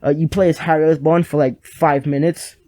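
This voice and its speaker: Brief: young male reviewer, rambling and sarcastic, slightly high, mellow dry home-mic sound. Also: level tone, a little fast, dry recording. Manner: rambling, sarcastic, lots of fillers. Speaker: game reviewer. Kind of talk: comedic game review. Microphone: home microphone.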